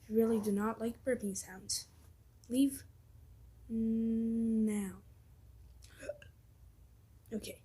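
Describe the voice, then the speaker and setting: Very husky, breathy female vlogger. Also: fairly high pitch, little pitch movement, mellow. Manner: halting, informal, slangy. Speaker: amateur vlogger. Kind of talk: casual chat to viewers.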